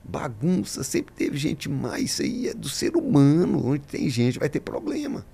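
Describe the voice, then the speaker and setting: A man's voice: a little high, wildly swooping pitch, unhurried, creaky, warm tone, slightly rough. A man, a pastor, talking in a podcast interview, preaching-style and emphatic, acting out the voices in his stories.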